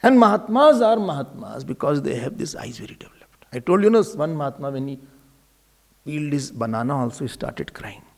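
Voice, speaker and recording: A man with an Indian accent gives an emphatic, repetitive spiritual discourse full of rhetorical questions, mixing Hindi phrases into his English. His voice is fairly high and gravelly, with lively intonation and a slightly quick pace.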